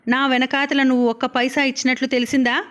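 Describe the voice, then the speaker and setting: A woman's voice: high voice, little pitch movement, quick pace, fairly bright tone. A woman reading as a stern, scolding young woman. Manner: scolding, insistent. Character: stern strict young woman, eldest sister.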